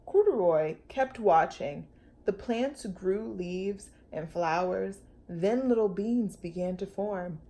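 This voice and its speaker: A woman with a medium-pitched voice hosts storytime, reading a children's picture book with lively narration, elongated words and fun sound effects.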